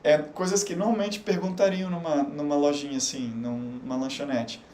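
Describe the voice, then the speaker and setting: A middle-aged Brazilian man teaching English on an unedited live stream, chatty and explaining slowly with many fillers. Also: a little high, steady tone, a little mellow. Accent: Brazilian Portuguese. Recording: echoey room with faint background hum.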